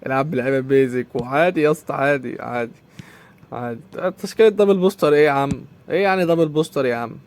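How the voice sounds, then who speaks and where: A man's voice: medium pitch, racing. A young man with an Egyptian Arabic accent commentating his own football video game match, exasperated and repeating his complaints. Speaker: gaming YouTuber.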